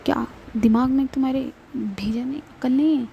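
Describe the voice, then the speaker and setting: A woman voicing a hot-tempered young woman who scolds sharply with rising pitch. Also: moderate pace, vocal fry, mellow, highs cut off, slight background noise. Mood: angry scolding.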